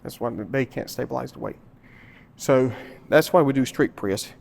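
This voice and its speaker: A man's voice: mid-range voice, moderate pace, vocal fry, darkish tone, slight background noise. A man explaining a lifting workout at the gym, short of breath from a cold, repeating his points and grunting through heavy sets. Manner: explains with repetition, grunting effort between sets. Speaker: fitness vlogger.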